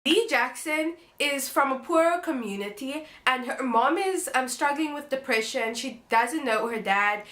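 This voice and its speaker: High, nasal, congested young-sounding woman vlogger. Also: animated, a little slow, few pauses, a bit bright, a little hiss or hum. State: congested, blocked nose from a cold. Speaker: book review channel host. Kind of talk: casual vlog book review.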